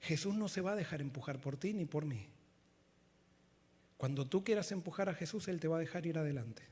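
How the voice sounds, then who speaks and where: A male pastor preaching a sermon with fervor, swinging between loud emphatic lines and quiet low ones. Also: fairly quick, breathy edge.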